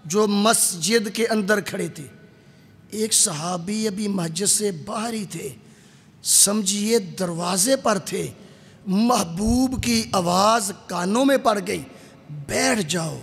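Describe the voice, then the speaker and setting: A Punjabi-accented man delivers a fervent sermon in a strikingly high voice. He drops to a hushed storytelling tone, then surges into shouted peaks and chants verses slowly. His voice rings out with the long reverb of a large hall. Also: vocal fry, slightly rough. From Pakistan. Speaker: Islamic preacher. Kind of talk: impassioned sermon.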